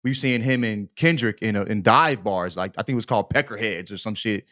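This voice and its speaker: A podcast co-host talks in a fairly low, fairly bright voice, slightly fast, giving casual opinions. He's emphatic and slangy, repeating himself and sprinkling in check-in tags to make sure listeners are following.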